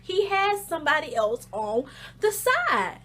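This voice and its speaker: A woman with a high, light voice giving a chatty reality TV recap. She tells it as an animated story and acts out the scenes, with loose slangy talk and plenty of fillers. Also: unhurried. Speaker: reality TV reviewer. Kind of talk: casual recap and commentary.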